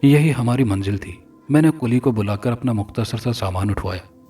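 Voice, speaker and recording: A man reading a first-person horror story in a measured, dramatic way. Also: mid-range voice, mellow, breathy edge. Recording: distant mic, faint music.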